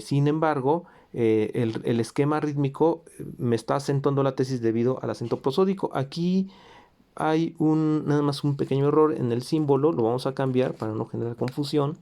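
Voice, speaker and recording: In a recorded music theory lesson, a man explains things patiently, using fillers and correcting himself along the way, and sings rhythms out in syllables. His voice is mid-range and mellow.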